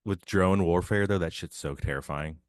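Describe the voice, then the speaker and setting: Young man, very deep voice, dry close sound, crude casual podcast banter. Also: normal speed, smooth, no echo. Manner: crude, joking, swears often. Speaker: podcast co-host.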